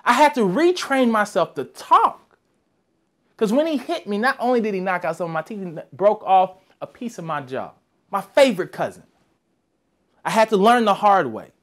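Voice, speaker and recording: A young man with a fairly high voice gives a motivational talk. He tells his story with lively energy and acts out the other people's voices as he goes. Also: normal speed. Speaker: motivational speaker.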